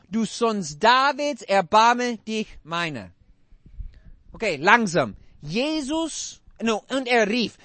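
A man's voice: sits high, a bit bright, no room sound. A man preaching a sermon in non-native German with broken grammar, emphatic and asking the congregation repeated questions.

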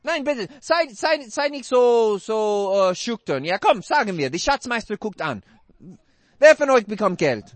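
Male preacher, very high voice, dry close sound, halting non-native German, interactive sermon. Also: big pitch swings, no room sound.

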